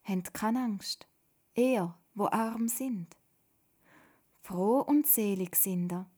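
Woman doing a gentle solemn preacher, Swiss German. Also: medium pitch, extremely slow.

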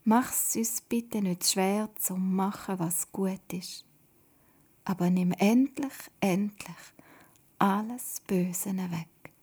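A woman voicing a young girl who earnestly recites a prayer in a soft half-whisper. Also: mid-range voice, slow pace, husky.

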